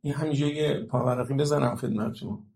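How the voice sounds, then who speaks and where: A man delivers a religious talk with a rough, gravelly edge to his voice. He explains his points patiently and keeps checking in with rhetorical questions. The sound rings out in an echoey room. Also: medium pitch, a little mellow. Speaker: religious lecturer.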